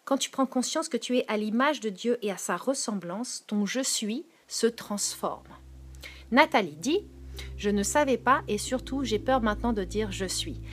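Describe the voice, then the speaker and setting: Lively Quebec French woman preaching. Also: moderate pace, breathy edge. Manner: animated, switching to soft low tones for scripture; reads out and answers viewers' comments. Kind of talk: informal live-stream sermon.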